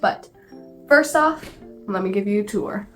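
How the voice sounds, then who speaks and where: Over loud background music, a sick, stuffed-up woman chats about books on her vlog from her little home library. Her mid-range voice has lively intonation and a measured pace, and she peppers everything with "like."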